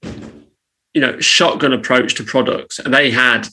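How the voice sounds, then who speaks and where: A man co-hosting a casual chat, laying out advice in an earnest, emphatic way, like a coach. His voice is bright and forward, pitched at an ordinary middle level. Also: steady tone, unhurried, slight background noise, poor audio. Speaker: podcast co-host on church leadership.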